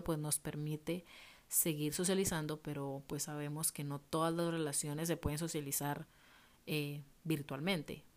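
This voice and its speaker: A young woman from Costa Rica talks through her solo podcast episode, her voice sitting low. She speaks in a relaxed, chatty way and often pauses on little fillers. Her Costa Rican accent comes through plainly. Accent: Costa Rican Spanish. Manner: chatty, with many fillers like "este" and "eh". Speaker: podcast host. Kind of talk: casual solo podcast talk. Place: at home.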